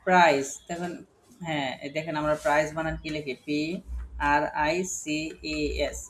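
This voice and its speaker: A man's voice: on the high side, steady tone, normal speed, fairly bright tone, a little hiss or hum. A man with a Bangladeshi accent teaching a phonics lesson to a class, spelling words letter by letter and asking his students questions. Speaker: English teacher.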